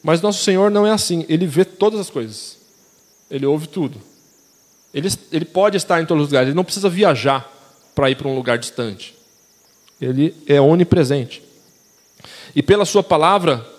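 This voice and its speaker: A man's voice: on the high side, big-room sound. A young man with a Brazilian Portuguese accent preaching a casual sermon, chatting with the congregation, slangy and asking them questions. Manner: conversational, slangy, asks the audience questions. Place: church hall.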